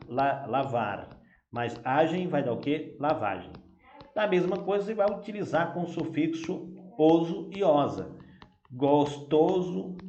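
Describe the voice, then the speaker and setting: A man's voice: mid-range voice, darkish tone, muffled recording. A man teacher, patiently walking pupils through a grammar exercise and often checking they follow. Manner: patient, repeats "vai dar o quê?" and "né?". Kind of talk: recorded classroom lesson walkthrough. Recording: echoey room with faint noise.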